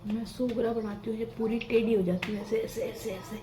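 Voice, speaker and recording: A woman's voice: fairly high pitch, steady tone, a little fast. A woman chatting casually through her home vlog, narrating her chores as she works in her kitchen and living room. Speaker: home vlogger. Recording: echoey room with faint background hum.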